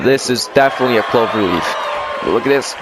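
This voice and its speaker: A man calling a video game wrestling match as play-by-play commentator, shouting and exclamatory with a joking streak. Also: medium pitch, brisk, over a noisy crowd, poor audio.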